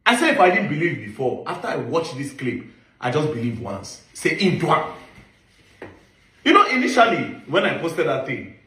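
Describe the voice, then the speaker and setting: Animated, high-pitched Nigerian man. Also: normal speed. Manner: emphatic, accusatory, rhetorical questions. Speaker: online commentator. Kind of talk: impassioned monologue commentary. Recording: echoey room.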